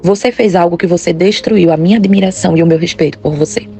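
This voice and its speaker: A woman's voice: fairly low pitch, fast, dark tone, a little hiss or hum, natural voice. A woman voicing a hurt, bitter husband, reproachful and wounded. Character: hurt, bitter husband accusing his wife.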